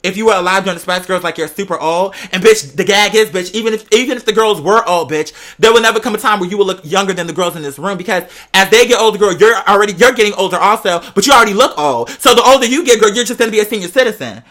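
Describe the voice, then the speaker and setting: Here the young American vlogger rattles along quickly with barely a pause, her medium-pitched voice fairly bright. Addressing patrons, she tells gossipy stories casually, sassy and slangy, stressing and repeating phrases for effect.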